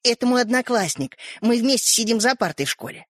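An earnest young schoolboy, eager and a little anxious, as a male reader puts him on. His voice sits high and jumps around a lot. The sound is dry and close. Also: animated, fairly quick, fairly bright tone, no echo, heavily acted.

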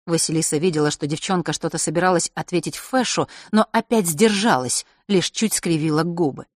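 A woman reading a fantasy novel aloud in a steady, expressive way. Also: lowish voice, a little fast, dry recording, studio quality. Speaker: audiobook narrator. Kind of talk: scripted fantasy narration.

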